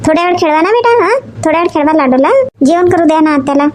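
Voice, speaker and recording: A woman acting in a comedy sketch, complaining and nagging in rapid chatter. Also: high voice, animated, slight background noise. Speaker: comic actor.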